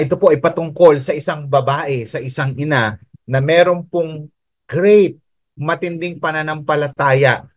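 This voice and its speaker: Filipino pastor preaching, dry close voice. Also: male voice, on the high side, no room sound. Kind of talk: sermon.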